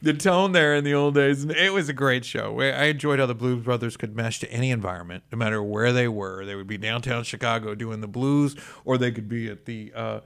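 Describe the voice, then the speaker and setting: A man with a Texan accent hosts a loose chat, rambling and chuckling as he acts out stories. His voice is gravelly and sits at a middling pitch. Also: fairly quick, few pauses, a bit bright. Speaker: radio show host. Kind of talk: casual interview chat.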